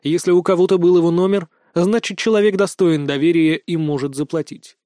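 A man narrating an audiobook in a steady, dramatic storytelling manner. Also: fairly high pitch, fairly quick, no echo, clean studio sound. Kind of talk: scripted narration.

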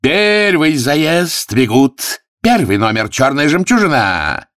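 A man's voice: fairly high pitch, sing-song, takes it slowly, a bit bright, dry recording, clean studio sound, voice pushed up, exaggerated voice. A man voicing a showy male barker who announces cockroach races with grand cries in several languages. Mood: grandly announcing.

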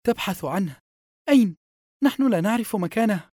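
A man's voice: on the high side, animated, quick pace, darkish tone, husky, dry recording, clean studio sound, voice pushed up. A man voicing an anxious, fearful grown daughter in an audiobook. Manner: soothing, fearful.

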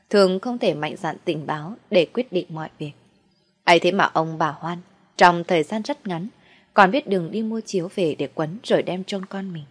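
Brief: female ghost-story narrator, low voice, steady dramatic reading.

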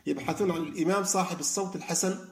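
Male teacher giving a religious ethics lesson, quick-fire and earnest, slightly high voice, echoey room. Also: steady tone. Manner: fast, earnest talk with many fillers and restarts. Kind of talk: religious lesson explaining sayings.

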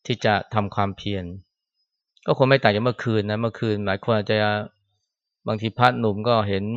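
A man, a Buddhist monk, giving a conversational Dhamma talk in a temple hall, with a soft particle closing his phrases and scolding quotes acted out now and then. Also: on the low side, highs cut off. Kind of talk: sermon. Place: temple hall after chanting.

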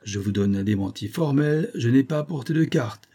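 Male reader doing a cornered gambler, loud denials, husky and dark. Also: medium pitch, animated, moderate pace. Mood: indignant. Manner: protesting, defensive. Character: indignant cheating gentleman banker.

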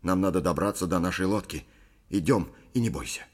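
A man's voice: low voice, fairly quick, breathy edge. A man doing a boastful young gallant. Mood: reassuring. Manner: playful, mock-grand, reassuring. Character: boastful young man wooing his girlfriend.

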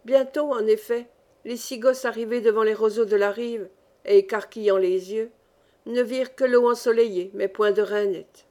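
A woman narrating a village story as an audiobook reader, with lively storytelling. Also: a little high, moderate pace. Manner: lively storytelling, varied pace. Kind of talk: scripted narration.

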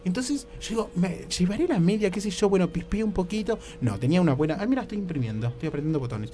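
Animated Argentine man telling a story. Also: sits high, quick pace, faint music behind. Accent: Rioplatense Argentine Spanish. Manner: animated, swoops into exaggerated voices, keeps asking "¿viste?". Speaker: radio comedy host. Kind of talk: comic storytelling on radio.

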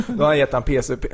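A man telling a funny story animatedly in a casual podcast chat, laughing often. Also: mid-range voice.

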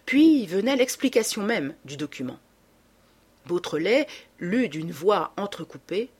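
A woman narrating a classic novel aloud, with an expressive, dramatic reading style. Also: mid-range voice, unhurried, slightly rough. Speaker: audiobook narrator. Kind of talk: storybook narration.

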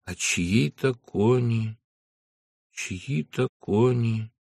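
A man reading an audiobook, voicing a young Roma woman who half-sings softly and slowly. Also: medium pitch, creaky, slightly rough, no echo, studio quality, full character voice. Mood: wistful. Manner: soft, half-spoken singing, slow. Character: young Roma woman singer, soft and wistful.

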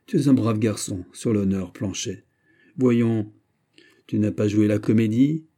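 A man's voice: fairly low pitch, measured pace, dark tone. A man voicing a bold, swaggering middle-aged musketeer captain who barks commands and exclamations in a storybook reading. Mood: commanding, jubilant. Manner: exclamatory, commanding, swears "mordieu".

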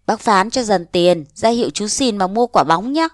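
A woman's voice: mid-range voice, expressive, normal speed, no room sound, clean studio sound, close to an everyday voice. A woman reading as a jovial middle-aged man. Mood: coaxing.

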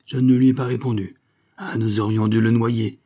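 A man's voice: mid-range voice, flat delivery, normal speed, dark tone, close to an everyday voice. A man voicing a furious, panicky middle-aged gambler who rants and barks. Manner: ranting, barking and grumbling.

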